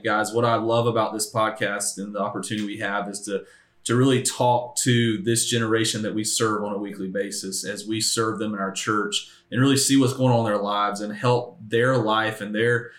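A man hosting a casual church podcast from a table in a church room. His voice sits low and has an upbeat, encouraging lift. The room around him is echoey. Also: fairly bright tone. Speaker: podcast host, ministry leader.

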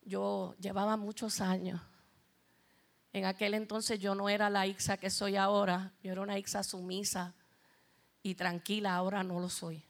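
A woman's voice: medium pitch, flat delivery, normal speed, vocal fry. A middle-aged woman with a Puerto Rican accent, giving a heartfelt church testimony as a worship singer and speaking directly to the congregation.

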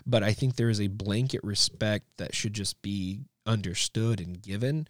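A man's voice: lowish voice, moderate pace, dry recording, studio quality. A man co-hosting a podcast, telling stories in a rambling, self-correcting way. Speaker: podcast co-host. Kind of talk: casual conversation.

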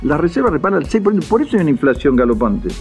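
Indignant man, lively pitch. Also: rapid-fire, soft background music. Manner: emphatic, indignant, repeats points for emphasis. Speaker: political commentator. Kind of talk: heated political commentary. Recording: dull lo-fi audio.

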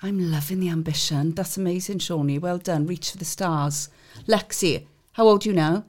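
A woman's voice: lowish voice, moderate pace, darkish tone. A woman, a youth theatre tutor chatting with and coaxing young members in a casual interview.

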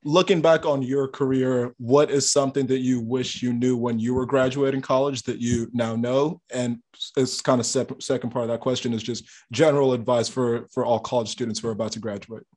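A man's voice: medium pitch, fairly even intonation, brisk, darkish tone. A young man, a college student, asking interview questions in a friendly, eager way. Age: young adult.

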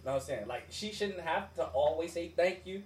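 A man with a lively, swooping, fairly high voice argues casually among friends. He is slangy and emphatic, repeating phrases, with faint noise and room ambience behind him. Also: fairly quick. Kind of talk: casual group debate.

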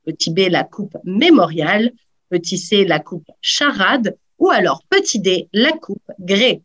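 A woman's voice: medium pitch, big pitch swings, measured pace, fairly bright tone, slightly rough, highs cut off. A woman hosting a radio sports quiz over a video call, teasing the players. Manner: playful, teasing. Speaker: quiz host.

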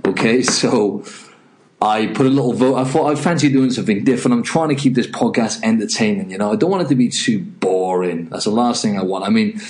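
Guy with a lowish voice doing a chatty solo podcast, kinda jokey and candid, just talking into his laptop mic. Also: brisk, darkish tone. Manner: informal, candid, jokey and self-mocking. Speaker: podcast host. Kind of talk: casual solo podcast talk. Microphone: built-in laptop microphone instead of headset.

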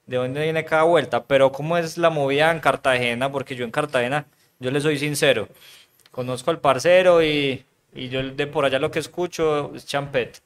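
A man from Medellín with a paisa accent, hosting a casual interview in a relaxed, chatty manner. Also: on the high side, normal speed. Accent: Medellín Colombian (paisa). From Medellín, Colombia. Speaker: host.

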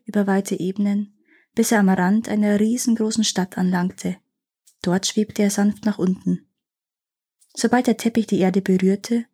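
A woman reading a fairy tale aloud in a clear, measured storytelling manner. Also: medium pitch, mellow.

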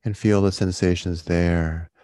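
A man leading a guided meditation in a soothing, gentle, unhurried manner, like a yoga teacher. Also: low voice, steady tone, no echo, studio quality. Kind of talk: guided body-scan meditation.

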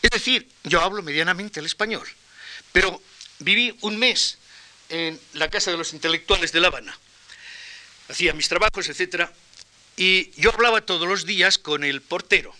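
Older Spanish man giving a bright lecture. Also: high voice. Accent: Castilian Spanish. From Spain. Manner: measured, anecdotal, with pauses and restarts. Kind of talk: academic lecture.

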